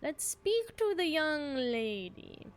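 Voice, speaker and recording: A woman's voice: high-pitched, big pitch swings, takes it slowly. A woman giving casual, chatty commentary while streaming a game, with a playful way of talking.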